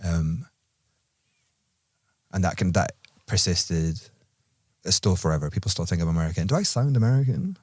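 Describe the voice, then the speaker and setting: A low-pitched man with an Edinburgh Scottish accent talks in a relaxed podcast conversation. His delivery moves between dry, teasing jokes and careful, measured reflection. The sound is close and dry, with no room around it. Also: husky, no room sound. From Scotland. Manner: playful, dry teasing humor; thoughtful, measured when explaining.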